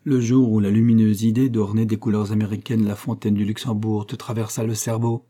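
A man's voice: fairly low pitch, level tone, brisk, warm tone, natural voice. A man reading an audiobook and voicing a level-headed young male engineer who teases and scolds his servant. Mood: scolding. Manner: teasing and scolding.

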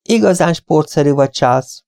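A man's voice: on the high side, expressive, warm tone, dry recording, pitched above the performer's own voice. A man doing a stern, blunt old aunt.

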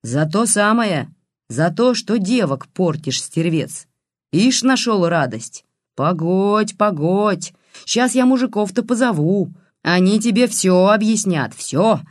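A woman's voice: sits low, very animated, moderate pace, dry recording, clean studio sound. A reader voicing a furious one-eyed old village woman who scolds and curses shrilly. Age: older.

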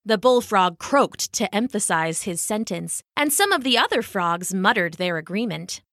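A woman reading a children's story aloud, expressive and animated. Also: medium pitch, moderate pace, no room sound, studio quality.

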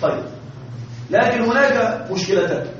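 A man teaching Arabic grammar in a classroom lecture, constantly quizzing his students and pausing for their answers. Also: very high-pitched, animated, fairly bright tone. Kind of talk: classroom lecture with call-and-response questions. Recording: distant, echoey, dull lo-fi with faint hiss.

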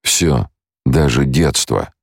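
Audiobook role: a loyal male swordmaster, terse and restrained, read by a man with a very deep, dry voice. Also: expressive, takes it slowly, gravelly, no room sound, full character voice.

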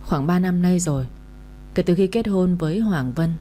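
Woman reading as a blunt offhand guy, low mellow voice. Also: moderate pace, a little hiss or hum, natural voice. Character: dismissive man, casual and blunt.

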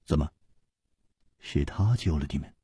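A man voicing a calm, thoughtful male hero who speaks quietly and in measured phrases. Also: extremely low pitch, slightly rough, dry recording, studio quality, pitched below the performer's own voice, full character voice. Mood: pensive.

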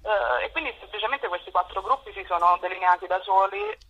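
A young adult woman speaks a little fast with a very animated, fairly bright mid-range voice. As a youth group spokesperson interviewed by phone, she explains things informally, and the telephone line sounds muffled and rough.

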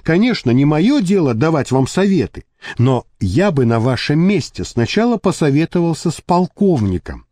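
A man's voice: fairly high pitch, sing-song, normal speed, mellow, no room sound, clean studio sound. A man reading an audiobook, voicing a cautious police sergeant giving careful advice. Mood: wary. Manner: cautious, wary.

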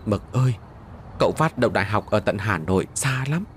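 A man doing a gentle, self-sacrificing poor mother. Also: lowish voice, lively intonation, a little fast, slight background noise, lightly acted. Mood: tender. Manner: gentle, soothing.

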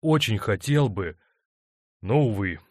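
A man's voice: on the low side, expressive, takes it slowly, darkish tone, no echo, studio quality. A man doing an impatient lovesick young man. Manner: insistent, impatient.

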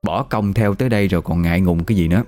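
A man's voice: deep voice, rapid-fire, darkish tone, lightly acted. A man voicing a brusque, commanding older woman fortune-teller.

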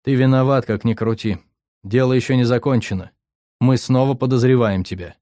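A man's voice: mid-range voice, fairly quick, dark tone, no echo, clean studio sound, natural voice. A male narrator voicing a young woman who speaks firmly. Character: young woman agreeing, accusing.

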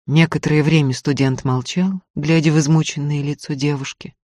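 A measured audiobook narrator delivering literary prose. The voice sits in a middle register, recorded close and dry, easing quieter on gentle moments. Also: medium pitch, steady tone, dry recording.

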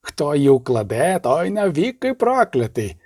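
A man's voice: fairly high pitch, big pitch swings, moderate pace, a little mellow, husky, no room sound, studio quality, heavily acted. A man voicing a stern zealous priest. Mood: condemning. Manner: preachy, grim.

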